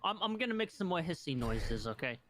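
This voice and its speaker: Male gamer, very high, sharp voice, hesitant and stammering casual chat with repeated words. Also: big pitch swings, brisk. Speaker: tabletop game player.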